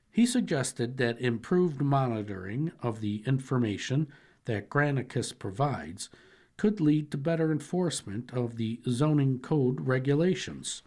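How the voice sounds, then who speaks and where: A man reading newspaper articles aloud for a radio reading service, in a measured, even manner with occasional slips. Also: mid-range voice. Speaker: volunteer newspaper reader.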